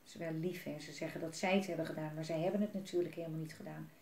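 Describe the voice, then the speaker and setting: A woman reading a children's book aloud in a gentle, expressive way, adding asides for young listeners. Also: sits low, very fast, creaky. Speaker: storyteller. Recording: roomy echo.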